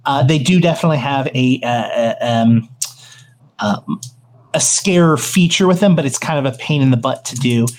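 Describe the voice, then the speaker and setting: A man's voice: medium pitch, moderate pace. A man narrating a tabletop game as game master, improvising hesitantly and thinking aloud.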